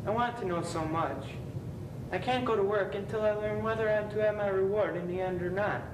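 A man in an amateur stage play acting a gentle, pleading young suitor. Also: a little fast, close to an everyday voice. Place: theatre stage, indoors. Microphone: far camera. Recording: noisy, rumbling, echoey distant stage recording.

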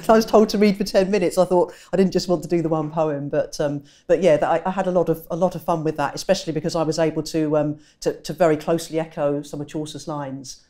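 A woman's voice: sits low, fairly even intonation, quick pace, few pauses, mellow. A woman poet with an English accent talks through her work in a conversational interview. She is reflective and often rephrases herself mid-sentence. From England. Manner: thoughtful, self-correcting.

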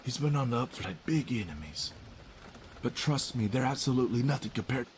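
An actor playing a cold, ruthless police boss who gives menacing, matter-of-fact orders. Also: male voice, medium pitch, expressive, fairly quick, natural voice. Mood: briefing. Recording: noisy film soundtrack.

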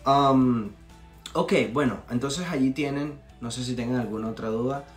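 A young man from Venezuela teaching English in a casual live-streamed lesson, chatty and encouraging, often checking in with his students and repeating phrases slowly for practice. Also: medium pitch, faint music behind.

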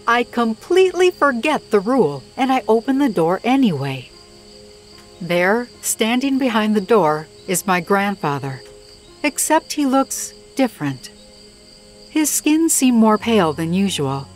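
Female narrator for scary stories, animated intonation, measured delivery, soft music bed. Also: mid-range voice. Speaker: horror story narrator. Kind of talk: scripted first-person story narration.

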